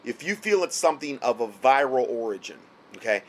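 This man's mid-range voice swings widely in pitch as he talks fairly quickly, though it's going hoarse. He's selling health products and giving loose late-night advice, repeating himself and tossing in frequent "okay?" check-ins.

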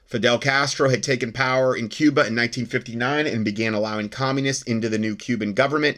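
Male American talk host, medium pitch, conspiratorial and paranoid, moves between read copy and off-the-cuff rant. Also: fairly bright tone. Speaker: host of an alert talk show. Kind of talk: reading news reports with off-the-cuff ranting commentary.

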